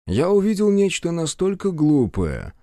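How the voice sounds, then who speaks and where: A man voicing a secretive male hacker who watches patients, speaking calmly, politely and slowly. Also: a little high, no room sound, studio quality, pitched above the performer's own voice, exaggerated voice. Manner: calm, measured, polite.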